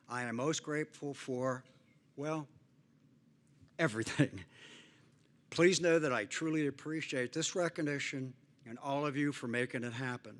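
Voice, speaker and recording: An older man giving a hall of fame acceptance speech, earnest and emphatic, with some halting restarts. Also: mid-range voice, a bit bright.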